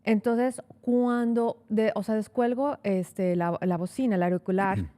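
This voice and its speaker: A woman's voice: mid-range voice, unhurried. Lady lawyer telling a story on a podcast, lots of "este" and "o sea", acts out the quotes. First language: Spanish. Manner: animated, acts out quotes, many fillers. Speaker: immigration lawyer, podcast co-host. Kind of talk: casual storytelling chat.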